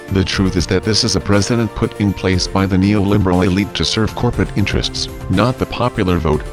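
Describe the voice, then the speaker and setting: Disguised deep voice, man, very low pitch, solemn statement, music behind. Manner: grave, declamatory. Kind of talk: scripted protest statement. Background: background music.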